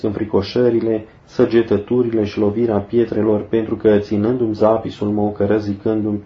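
A man giving a solemn, measured devotional reading of a saint's life, slowing down for the prayers. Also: fairly low pitch. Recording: dull lo-fi recording.

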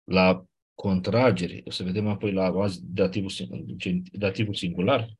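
A man with a low, husky voice is teaching a class. He explains things step by step in a conversational way and throws in quick asides to his students. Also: steady tone. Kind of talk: classroom lecture.

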